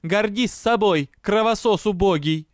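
A man voicing a furious, fearless young female vampire who shouts and threatens. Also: sits high, normal speed, clear, resonant tone, dry recording, clean studio sound, pitched above the performer's own voice, close to an everyday voice.

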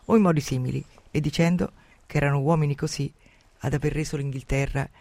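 A man hosting a radio program on literature, retelling and commenting on an adventure novel in a lively, dramatic way. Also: fairly high pitch, fast talker, gravelly, very noisy. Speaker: radio host presenting a novel.

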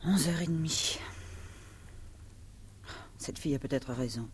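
A woman's voice: low voice, unhurried, soft background music. An actress playing an anxious, easily alarmed noble lady in a melodramatic 1950s radio drama. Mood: anxious musing. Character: high-born lady, a marshal's wife, anxious and easily alarmed. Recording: noisy old 1950s radio recording.

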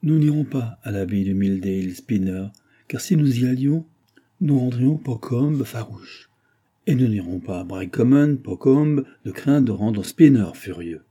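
A man reading an audiobook and voicing a pompous, lecturing brewer's clerk who talks loudly and emphatically. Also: mid-range voice, expressive, unhurried, husky. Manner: lecturing, self-important, emphatic.

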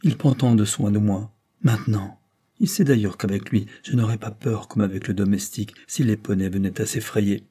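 A man voicing a timid, gentle young noble wife who speaks softly and apologetically. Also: fairly low pitch, moderate pace, breathy edge. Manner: soft and apologetic.

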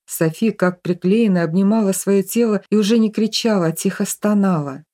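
A woman reading a novel aloud as an audiobook narrator, in even storytelling. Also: mid-range voice, moderate pace. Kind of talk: scripted narration.

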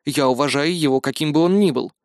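A man's voice: fairly high pitch, quick pace, dry recording, clean studio sound, close to an everyday voice. A man voicing an earnest, principled young man in an audiobook, mild and polite.

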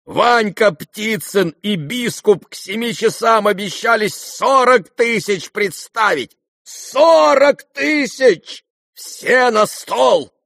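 A man voicing a reckless, drunk young male merchant who shouts and drags out his boasts. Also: sits high, expressive, vocal fry, no echo, studio quality, pitched above the performer's own voice, exaggerated voice. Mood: drunk bragging. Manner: shouting, drawn-out bragging.

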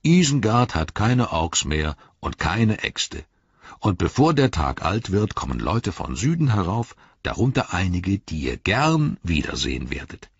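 Deep, husky, unhurried man voicing an ancient tree-giant for an audiobook. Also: sing-song, dry recording, dull audio, full character voice. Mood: jovial. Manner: slow, deliberate, rumbling.

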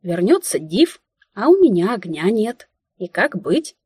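A woman narrating an audiobook in the first person, ironic and expressive. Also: medium pitch, unhurried, slightly rough, no echo, studio quality.

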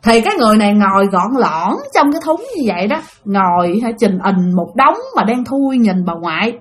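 A young woman storyteller chats her way through ghost stories, speaking directly to her listeners. Her voice is medium in pitch, expressive and brisk.

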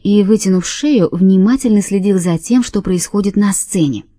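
A woman reads a first-person story in an even, measured way. Her voice is mellow and warm. The recording is dry and close to the mic. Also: medium pitch, dry recording. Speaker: audiobook narrator. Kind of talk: scripted first-person narration.

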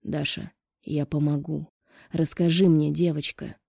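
A woman voicing a gentle, guilty man who speaks in a hushed, hoarse near-whisper. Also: low voice, little pitch movement, moderate pace, no room sound, clean studio sound, heavily acted. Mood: soothing.

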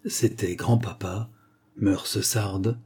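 A man reading a short story aloud as an audiobook narrator, in a measured storytelling manner. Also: lowish voice, fairly even intonation, darkish tone, husky.

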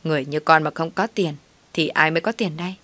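A woman's voice: sits low, fast talker, a bit bright. A woman voicing a scheming older mother-in-law who coaxes and complains. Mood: coaxing. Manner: coaxing then complaining.

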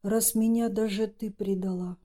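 A woman's voice: medium pitch, fairly even intonation, moderate pace, warm tone, close to an everyday voice. A woman voicing an injured man who speaks in a bitter, mocking, spiteful tone.

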